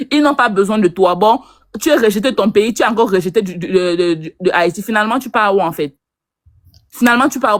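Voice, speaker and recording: A woman's voice: mid-range voice, no echo, studio quality. A woman from Cameroon, scolding and mocking another panelist on a live stream, often stumbling over repeated words. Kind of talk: heated live stream rebuttal.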